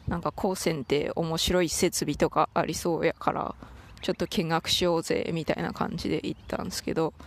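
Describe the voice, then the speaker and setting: Gravelly, chatty podcaster with a Toyama accent. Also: medium pitch. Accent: Toyama dialect. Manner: chatty, with playful mock-formal phrasing. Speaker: podcast host. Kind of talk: casual solo podcast chat. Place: outdoors, walking a dog.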